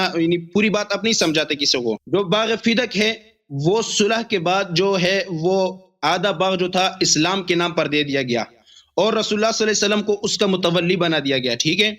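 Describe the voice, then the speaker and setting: High, bright-voiced debating cleric. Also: male voice. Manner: keeps cutting in to demand to be heard. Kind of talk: heated debate.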